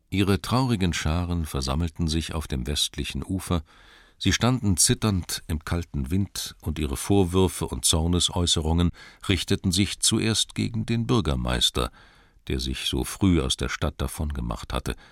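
Deep-voiced male audiobook narrator. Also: dry recording, clean studio sound. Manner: expressive storytelling. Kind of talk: audiobook reading.

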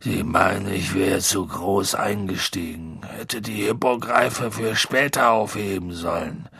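A huge, gruff half-giant gamekeeper, as a male narrator puts him on, low and gravelly with a slow, heavy, slurring delivery. He sounds drunk and downcast, his husky voice dragging through every word of the storybook scene. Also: sharp tone, dry recording, clean studio sound, exaggerated voice. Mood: gloomy.

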